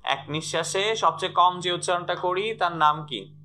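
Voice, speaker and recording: Middle-aged male teacher for a live online class, fairly high and very bright, who drills questions and urges students on. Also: moderate pace, a little hiss or hum. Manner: repeats questions and coaxes students to answer. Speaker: Bengali grammar teacher.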